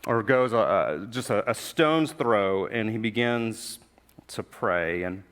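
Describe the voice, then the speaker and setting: A man preaching a sermon, reflective and measured, slowing and dropping quiet when he quotes scripture. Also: lowish voice, animated. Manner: reflective, slows for emphasis, drops quiet when quoting scripture. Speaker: pastor. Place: church sanctuary. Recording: long hall reverb.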